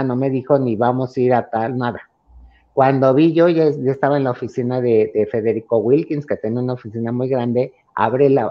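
Animated Mexican man telling a story. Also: medium pitch, lo-fi sound. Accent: Mexican Spanish. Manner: animated, acts out quoted dialogue in a raised voice. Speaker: podcast guest. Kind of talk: casual anecdote telling.

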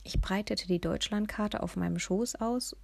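A woman reading a humorous first-person story aloud, lively, often dropping into hushed whispers. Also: medium pitch, normal speed, creaky, dry recording. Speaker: audiobook narrator.

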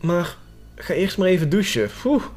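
A man voicing a brisk, cheerful male camp owner in a horror story, talking in a breezy, teasing way. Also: high voice, very animated, darkish tone, faint music behind.

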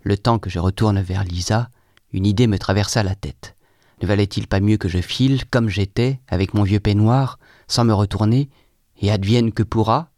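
Low-voiced man reading a novel dramatically. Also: normal speed, no room sound, studio quality. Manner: expressive, swings from feverish outbursts to hushed murmurs. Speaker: audiobook narrator. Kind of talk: dramatic first-person literary reading.

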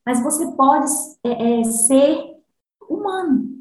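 A Brazilian woman with a notably high voice hosts the conversation. She sounds thoughtful and reflective, weighing her words as she talks. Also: lively intonation, slow, a little mellow, slight background noise. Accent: Brazilian Portuguese. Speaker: host. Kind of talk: conversational interview talk.

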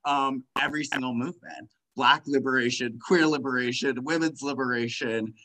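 Impassioned young man with a bright voice. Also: medium pitch, fairly even intonation, moderate pace, poor audio. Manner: impassioned, many "like" fillers, frequent laughs. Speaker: guest. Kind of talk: casual conversation.

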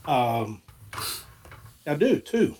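A man's voice: fairly high pitch, sing-song, extremely slow, mellow. Laid-back man playing a tabletop game. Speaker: player.

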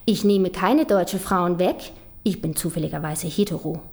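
A spoken-word poet with a Danish accent and a fairly low voice performs rhyming slam poetry at a moderate pace. Her rhythmic delivery carries ironic, mocking emphasis, and she drops into whispers for secret lines.

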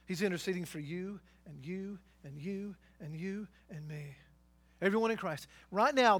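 Pastor, male, high-pitched voice; fervent sermon, swells from quiet to loud exhortation. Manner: emphatic, building to loud exhortations with rhetorical questions.

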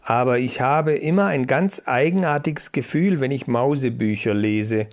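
A man's voice: mid-range voice, moderate pace, close to an everyday voice. A man voicing a clever, thoughtful female mouse who reads and tells stories.

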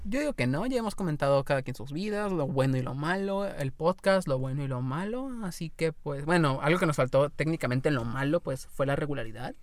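Fast-talking young Mexican man, dry sound. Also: on the high side, animated, no echo. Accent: Mexican Spanish. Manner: rambling, crude, laughs easily. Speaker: podcast co-host. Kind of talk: casual chat.

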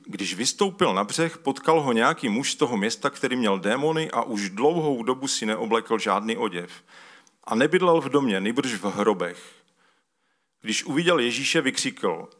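His voice sits in the middle range, a bit bright, with lively intonation, as this man preaches informally. Along the way he requests slides, reads from scripture, and uses loose fillers and frequent restarts.

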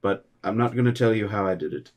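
A man's voice: fairly low pitch, fast talker, slight background noise. A man bantering casually as a player in a tabletop role-playing game.

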